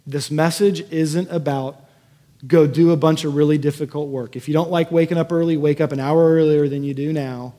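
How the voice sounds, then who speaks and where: This is a man of medium pitch and warm tone, preaching as a pastor in a sermon that feels conversational. Earnest, he leans on emphatic repetition, and the echoey hall gives his words a long reverb.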